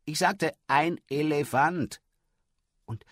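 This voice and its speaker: A man's voice: on the high side, slow, dry recording, pitched above the performer's own voice. A man voicing a blunt, chatty, cheerful fishmonger in an audiobook. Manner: blunt, matter-of-fact, chatty. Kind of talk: audiobook character voice.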